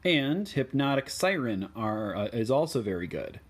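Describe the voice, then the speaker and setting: A man with a Midwestern American accent explains card choices for a deck in a relaxed way, with many ums and uhs. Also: mid-range voice, normal speed. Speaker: deck tech host.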